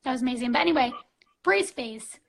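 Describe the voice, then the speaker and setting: Bubbly high-voiced woman in her twenties. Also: animated, fairly quick, noisy background. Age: 20s. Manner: gushing and bubbly, full of "like" and "um". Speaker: live stream host. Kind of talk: casual live-stream chat.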